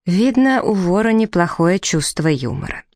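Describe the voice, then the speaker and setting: A woman reading the part of a proud, spirited young woman who speaks in a sharp, indignant way. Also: lowish voice, animated, normal speed, no room sound, studio quality, voice pushed up, lightly acted.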